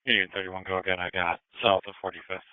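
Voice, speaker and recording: Fast-talking man on police radio. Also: low voice, little pitch movement, clean tone, no room sound. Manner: clipped, procedural. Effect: radio transmission. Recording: tinny narrowband scanner radio.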